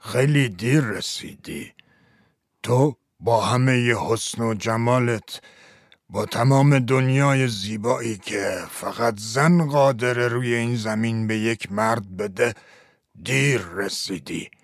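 A man playing a sorrowful, philosophical old chief who speaks slowly and in a fatherly way, in a dramatized story. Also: medium pitch, dry recording, studio quality, lightly acted.

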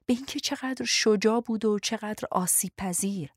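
A woman narrating an audiobook in the first person, in a quiet, reflective reading. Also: mid-range voice, no echo, studio quality.

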